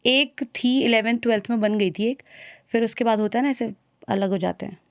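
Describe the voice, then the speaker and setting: A young woman from Uttarakhand, a singer, talking softly and a little hesitantly as an interview guest. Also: on the high side, a little fast, gravelly, dry recording, studio quality. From Uttarakhand, India. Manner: soft-spoken, shy, hesitant. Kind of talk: casual interview conversation.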